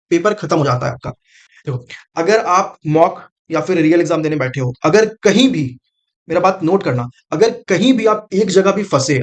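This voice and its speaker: A man coaching students on exam strategy in a casual, direct way, repeating his points and calling the listener brother. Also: high voice. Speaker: exam prep mentor. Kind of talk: casual coaching talk to camera.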